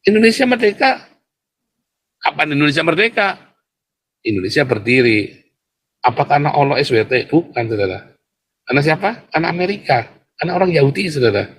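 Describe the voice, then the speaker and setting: A man's voice: fairly high pitch, very animated, a little fast, long pauses, husky. A man hosting a livestream, talking straight to his viewers in a mocking, provocative way and laughing scornfully. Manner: mocking, provocative, keeps addressing viewers directly. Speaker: livestream host. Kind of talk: livestream commentary.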